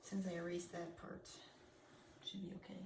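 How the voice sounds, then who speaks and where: A woman's voice: on the low side, flat delivery, normal speed, noisy background. A woman chatting casually to herself and her cat while she paints, teasing her own work. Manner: mutters to herself and her cat, self-mocking. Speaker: hobby mural painter. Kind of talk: casual running commentary while working. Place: indoors at home by a window.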